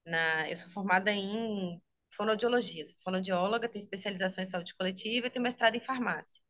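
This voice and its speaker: Fast and slightly bright, with a mid-range voice, this speaker is a speech therapist and health teacher from Minas Gerais with a Brazilian accent. Over a video call she chats through a casual interview about her job, sprinkling in "né?" and laughing readily.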